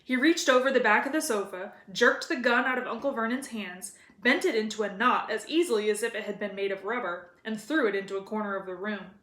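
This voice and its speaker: A woman's voice: mid-range voice, brisk, hardly any pauses, a bit bright. A woman narrating a children's story as a read-aloud. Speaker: reader of a children's novel. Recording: roomy echo.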